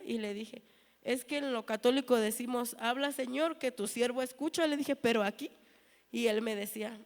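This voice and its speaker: A woman in her thirties tells her testimony to a church, earnest and storytelling, acting out the voices of the people she quotes. Her voice sits a little high. It rings with the long reverb of a large hall. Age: 30s. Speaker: church member giving testimony.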